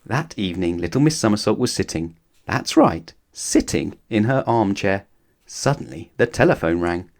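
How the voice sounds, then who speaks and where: In a lowish, expressive voice at a normal pace, a man brings a children's storybook to life, addressing his young audience directly.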